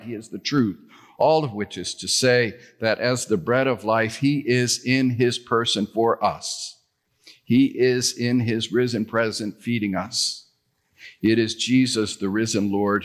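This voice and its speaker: A man preaching a sermon in church, reflective and gently personal. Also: lowish voice. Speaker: pastor.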